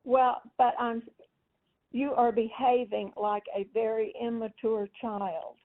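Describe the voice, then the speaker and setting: A woman's voice: fairly high pitch, flat delivery, slow. A woman on a phone call, stern and scolding as she lectures the caller. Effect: heard over a phone line. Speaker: prank call target. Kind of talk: phone argument. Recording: tinny phone line.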